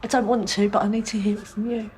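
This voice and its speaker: A woman's voice: medium pitch, flat delivery, fast talker, a little mellow, a little hiss or hum, close to an everyday voice. An actress playing a frightened, tearful pregnant woman held for murder, pleading and anxious. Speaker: murder suspect in custody.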